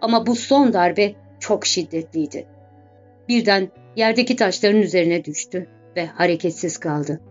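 A woman reading a classic novel aloud as scripted narration, measured and expressive with dramatic pauses. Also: on the low side. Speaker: audiobook narrator. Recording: dull lo-fi audio with faint background music.

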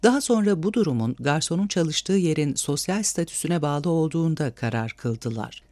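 A man reading a novel aloud as an audiobook narrator, with measured, expressive storytelling. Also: a little high, dry recording. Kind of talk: scripted narration.

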